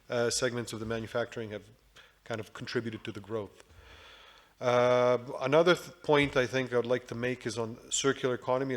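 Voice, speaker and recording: A man giving businesslike remarks on a conference panel, pausing often on fillers. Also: mid-range voice. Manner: businesslike, with frequent filler pauses.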